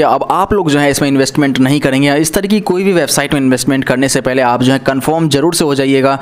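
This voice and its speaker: Earnest young man warning viewers. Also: on the high side. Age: young adult. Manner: earnest, cautioning, addresses viewers as friends. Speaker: YouTube cyber-awareness presenter. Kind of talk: explainer to camera.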